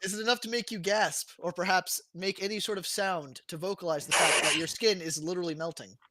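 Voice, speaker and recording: A man's voice: sits high, fairly even intonation, a little fast, heavy background noise. A man running a tabletop game as game master, narrating with playful, dramatic flair.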